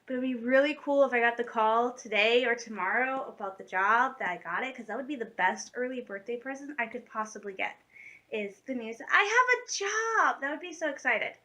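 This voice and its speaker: A woman's voice: a little high, expressive, a little fast, pushed and bright. A woman in her late twenties chatting casually to the camera from her room at home, rambling and giggling, with lots of fillers. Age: late 20s. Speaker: vlogger.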